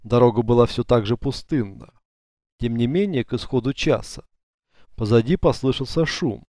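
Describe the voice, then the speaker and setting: Male audiobook narrator, steady measured delivery, warm dark tone, dry close studio sound. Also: medium pitch, dry recording. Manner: even, measured storytelling. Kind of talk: scripted narration.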